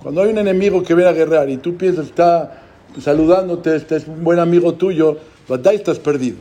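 High-voiced man giving a religious lecture. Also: a little fast, warm tone. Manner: preaching with rhetorical questions. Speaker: religious speaker.

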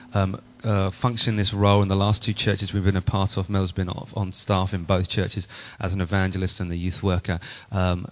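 A man speaking as church leader and host, giving an informal welcome and introducing a speaker. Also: low-pitched. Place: church meeting. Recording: slightly muffled sound.

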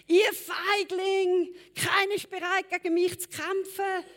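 A woman's voice: extremely high pitch, fairly even intonation, slow pace, a bit bright, pitched above the performer's own voice, exaggerated voice. Woman doing a bellowing, taunting giant. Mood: mocking. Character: huge boastful male giant warrior, taunting.

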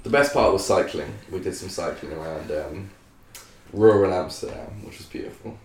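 A man's voice: low voice, normal speed, roomy sound. A young man telling a story in casual podcast chat, rambling with lots of fillers and acting out other people's lines. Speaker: podcast co-host.

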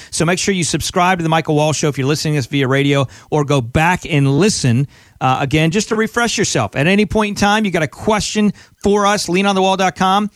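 A man's voice: on the high side, dry recording, clean studio sound. A man hosting a radio interview show, talking conversationally in an earnest, motivational way with rhetorical check-ins.

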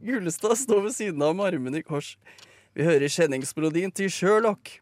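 Man reading brisk stage directions. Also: high-pitched, expressive, no echo, studio quality. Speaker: narrator. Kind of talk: live radio-play narration.

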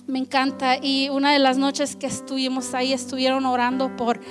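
A woman's voice: high-pitched, moderate pace, faint music behind. A woman preaching a conversational sermon, mixing in English phrases. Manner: switches between Spanish and English, conversational and lively.

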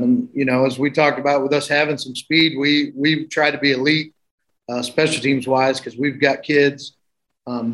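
A man's voice: mid-range voice, a bit bright, rough recording. A man speaking as a football coach, giving casual, hesitant answers in an interview.

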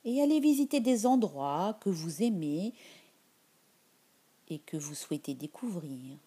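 A woman leading a guided meditation in a soft, soothing voice that drifts into whispers. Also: fairly low pitch, big pitch swings, a little slow, breathy edge.

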